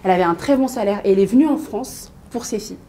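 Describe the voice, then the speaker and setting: Guest, thirties woman from Mali; loose conversational delivery, stops and restarts, warms into storytelling. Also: medium pitch, rapid-fire. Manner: hesitant, many fillers and restarts, lively storytelling. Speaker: interview guest, business coach. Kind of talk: casual conversational interview.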